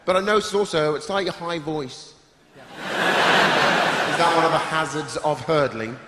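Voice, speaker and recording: A man's voice: a little high, a little slow, very noisy. A man hosting a stand-up comedy show on a theatre stage, playfully teasing the audience. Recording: echoey theatre with loud crowd.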